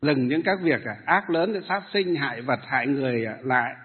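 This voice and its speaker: A Buddhist monk giving a dharma talk to lay followers, asking the audience questions and then answering them himself. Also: male voice, medium pitch, lively intonation, fairly quick, husky. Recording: tinny phone-like sound in a hall with long reverb.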